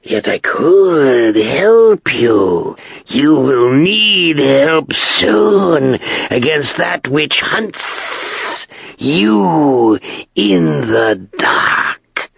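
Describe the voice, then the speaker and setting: A vast old dragon, sly and mocking, dragging every word out slowly and rising high in taunts, as a man puts him on. The voice is gravelly and husky. The recording sounds slightly dull. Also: big pitch swings, a bit bright, no echo, full character voice. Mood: taunting. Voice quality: slow drawn-out, taunting. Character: ancient huge male dragon, sly, mocking.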